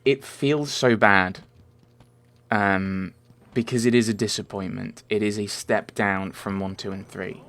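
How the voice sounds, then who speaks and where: A young man from Merseyside, England, answers viewer questions in a casual, rambling voice-over full of ums and self-corrections. His lowish voice is steady, unhurried, and fairly bright. Faint game music plays behind him.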